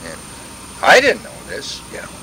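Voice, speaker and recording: An older veteran telling war stories in a rambling, folksy way, full of restarts and sound effects. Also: male voice, moderate pace, sharp tone, a little hiss or hum, rough recording. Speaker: veteran interviewee. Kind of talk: oral history war reminiscence.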